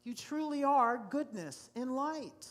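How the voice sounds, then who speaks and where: A woman's voice: high voice, animated, slow pace. A woman pastor delivers a sermon in a church sanctuary. She speaks with emphasis and repeats her key phrases to drive them home.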